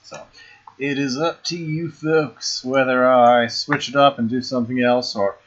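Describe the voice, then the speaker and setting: Male streamer, slow and halting, muffled lo-fi stream audio. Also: mid-range voice, fairly even intonation. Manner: hesitant, full of fillers and restarts. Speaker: game streamer. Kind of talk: casual live-stream chat.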